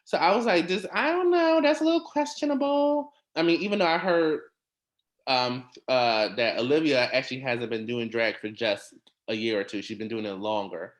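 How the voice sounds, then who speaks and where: A man in his twenties hosting a casual recap chat, animated, acting out quotes in a higher voice. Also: moderate pace. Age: 20s. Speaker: podcast host.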